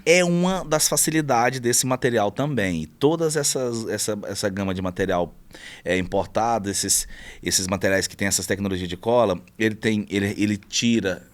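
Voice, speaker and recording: A man's voice: lowish voice, normal speed. A man who runs a car wrap shop, chatting casually in an interview and telling stories about customers. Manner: storytelling, animated when telling anecdotes.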